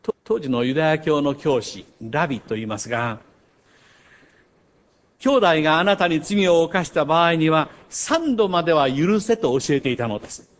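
An older man delivers a sermon in a somewhat high voice. He moves through a story with wide swings, booming on key phrases and falling to near-murmurs between them. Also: animated, moderate pace. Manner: storytelling with wide swings between loud emphasis and hushed asides. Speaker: pastor.

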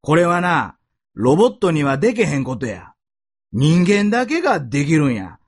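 A blunt, gruff veteran band teacher in thick Osaka dialect , as a male preacher puts him on. His husky voice swings widely in pitch as he drills his students. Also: big pitch swings, normal speed.

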